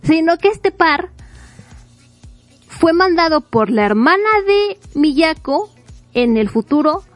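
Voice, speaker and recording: A woman casually retelling a manga plot, animated and chatty, laughing often and acting out the characters' lines. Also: high voice, slow, long pauses, dry recording, soft background music. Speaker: manga reviewer.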